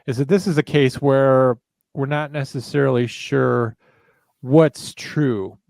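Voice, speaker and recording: A man's voice: medium pitch, takes it slowly, gravelly, darkish tone, dry recording. Sarcastic rambling male podcast host. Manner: sarcastic, rambling, self-deprecating. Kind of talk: casual podcast chat.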